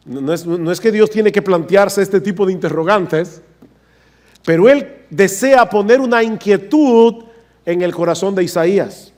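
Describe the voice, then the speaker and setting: A pastor with a high-pitched voice delivers a sermon. He preaches emphatically, repeating words for stress and asking his listeners questions directly. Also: darkish tone.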